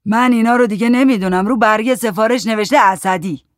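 Narrator putting on a blunt street-wise worker, storybook, raised gruff voice. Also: male voice, sits high, dry recording, clean studio sound, voice pushed up, close to an everyday voice. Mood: blunt, impatient. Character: gruff working-class male pest-control worker.

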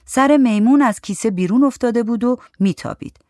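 Calm audiobook narrator, dry close sound. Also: mid-range voice, dry recording. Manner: calm, even literary reading with light voices for adults. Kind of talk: audiobook reading of a short story.

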